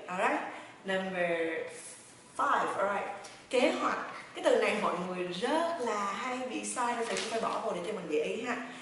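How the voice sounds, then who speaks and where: A woman's voice: mid-range voice, fairly bright tone. Echoey woman drilling pronunciation. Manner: drills words by repeating them slowly and quickly; chatty and encouraging. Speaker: English pronunciation teacher. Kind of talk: pronunciation lesson. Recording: echoey room, heard from a distance, faint noise.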